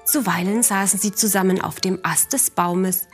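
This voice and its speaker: A woman narrating a children's story in a gentle, calm way, speaking directly to the children. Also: medium pitch, moderate pace, soft background music.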